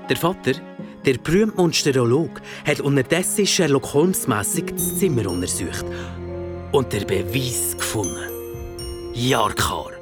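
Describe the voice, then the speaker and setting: A woman with a Swiss German accent reading a children's story in a playful, expressive way. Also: very deep voice.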